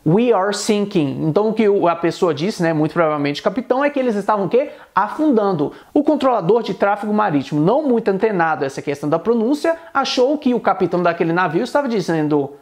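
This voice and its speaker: A man teaching an online English pronunciation lesson, explaining patiently and repeating example words slowly. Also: high voice, big pitch swings, a little mellow.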